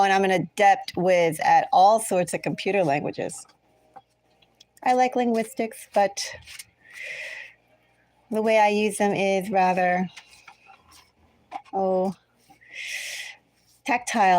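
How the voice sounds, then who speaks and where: Speaking slowly and pausing often, an American woman hosts a tarot reading livestream, casually rambling as she chats with viewers. Her medium-pitched, darkish voice keeps fairly even intonation.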